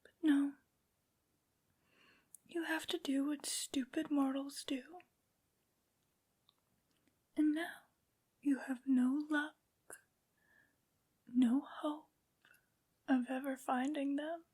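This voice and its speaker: A woman voicing a haughty, vengeful aristocratic vampire lady in an ASMR roleplay, in a breathy whisper with taunting, mockingly sweet phrasing. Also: high-pitched, level tone, slow pace, long pauses, darkish tone.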